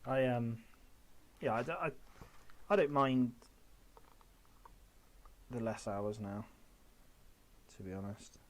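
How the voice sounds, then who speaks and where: A man's voice: medium pitch, slow, pauses often. A man chatting casually on a stream, hesitant and full of fillers. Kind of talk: casual chat.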